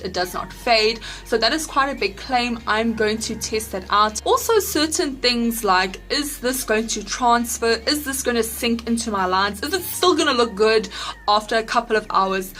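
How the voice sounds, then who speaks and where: A woman's voice: on the high side, moderate pace, fairly bright tone. A woman beauty vlogger chatting casually to camera in an emphatic, opinionated, informal way. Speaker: beauty vlogger reviewing makeup.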